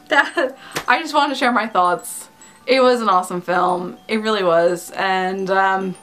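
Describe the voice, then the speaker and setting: A woman's voice: mid-range voice, fairly bright tone. A woman chatting casually and eagerly through a film review, gushing and giggling as she gives her opinions. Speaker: YouTuber reviewing films.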